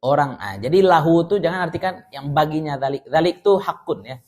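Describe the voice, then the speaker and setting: A man's voice: a little high, brisk, darkish tone. A man with a Minangkabau accent teaching an Islamic study class, explaining Arabic terms and joking with his listeners. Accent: Minangkabau Indonesian. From West Sumatra. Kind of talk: religious study lecture.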